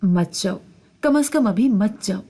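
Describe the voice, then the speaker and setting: A woman voicing a nervous, evasive wife who pleads with her husband in hushed tones in a story reading. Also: medium pitch, animated. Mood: pleading.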